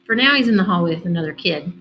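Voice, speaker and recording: A woman reading a first-person children's novel aloud in a steady, expressive voice. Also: fairly low pitch, rapid-fire, dull audio, slight background noise.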